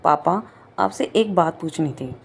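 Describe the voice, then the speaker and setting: A woman's voice: low-pitched, expressive, measured pace, gravelly, husky, exaggerated voice. A woman voicing a worried, hesitant young daughter-in-law in a read-aloud story. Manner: hesitant, respectful. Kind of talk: storybook reading.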